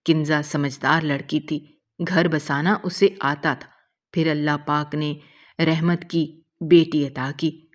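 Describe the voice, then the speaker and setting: A woman narrates an emotional family story with a low, deep voice. Her telling is measured and moralizing, pausing on lessons. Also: fairly even intonation.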